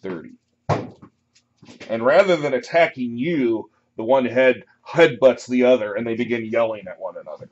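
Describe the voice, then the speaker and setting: A man running a tabletop game as game master, calling turns and results in a relaxed way. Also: medium pitch, slight background noise. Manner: relaxed, brisk turn calling with laughs. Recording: muffled lo-fi table recording.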